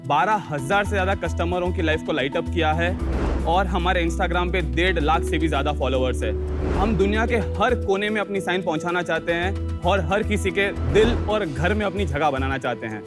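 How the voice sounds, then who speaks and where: A young man in his twenties gives a rehearsed product pitch in an upbeat, fairly high voice. Loud music plays behind him. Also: moderate pace. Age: 20s. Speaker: pitcher on a business show. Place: TV studio set.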